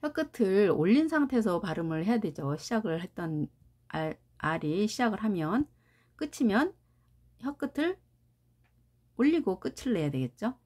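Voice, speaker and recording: A Korean-speaking woman teaches English pronunciation in a recorded lesson, explaining carefully and repeating every example word. Her mid-range voice is very animated and a little mellow, and she speaks at normal speed.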